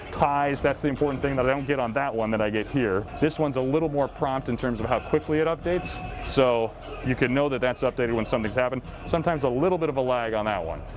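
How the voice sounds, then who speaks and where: A medium-pitched man's voice, captured in poor audio over background music, talks casually and explains things step by step, like an announcer giving a behind-the-scenes tour.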